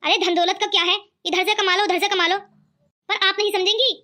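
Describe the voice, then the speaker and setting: A woman's voice: very high-pitched, steady tone, a little fast, bright, forceful tone. A woman voicing an earnest young man. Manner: earnest, pleading. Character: kind cheerful young man, brother-in-law. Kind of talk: cartoon voice acting.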